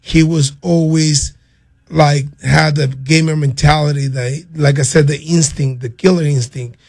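A middle-aged man from Venezuela, answering interview questions haltingly and earnestly as a player's father. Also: on the high side, steady tone, creaky, a little mellow. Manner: halting, repeats words, earnest.

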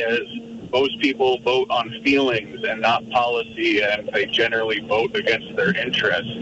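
A man's voice: medium pitch, gravelly. A man calling in to a radio show over a clipped phone line. He talks bluntly, with hesitant "uh" fillers. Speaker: caller. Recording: distant noisy phone line.

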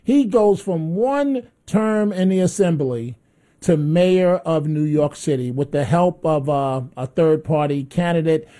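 A man's voice: a little high, a little slow, warm tone. A man hosting a call-in radio show, giving opinionated commentary and pressing callers impatiently.

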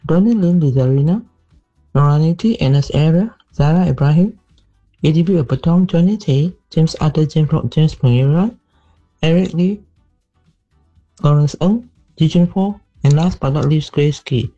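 A woman's voice: low-pitched, moderate pace, dark tone, soft background music. A woman in a recorded voice message played on the radio, politely reading out her song request and a long list of dedications. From Malaysia. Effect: voice message played over the radio. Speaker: radio listener sending a request. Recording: dull, lo-fi voice note.

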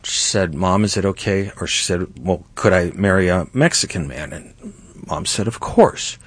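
A man's voice: low voice, moderate pace, no room sound. A middle-aged man hosting a political talk show, speaking emphatically and rising to indignant outbursts. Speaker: host.

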